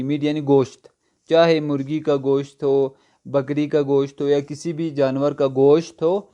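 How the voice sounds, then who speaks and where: A male language teacher, a native Urdu speaker, slowly drilling vocabulary by asking and answering his own questions. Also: fairly high pitch, dark tone. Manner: slow drilling, repeats words with question and answer. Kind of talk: recorded online language lesson.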